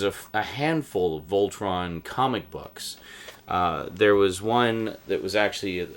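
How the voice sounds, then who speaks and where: A middle-aged man with a low voice speaks casually, like a host showing off his collection, rambling along and often stopping to think out loud.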